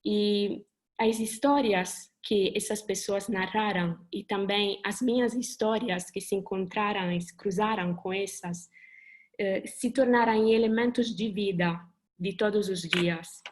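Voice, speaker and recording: An Italian woman gives an earnest webinar talk in Portuguese over a video call, stopping at times to find her words. Her voice is mid-range and darkish with fairly even intonation, and her Italian accent carries some Brazilian Portuguese touches.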